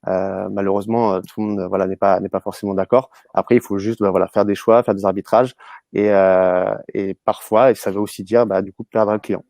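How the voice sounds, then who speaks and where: Low, mellow man, dry close sound. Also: little pitch movement, creaky, no room sound. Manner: hesitant, halting delivery. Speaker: panelist, building manager. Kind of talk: conversational explanation.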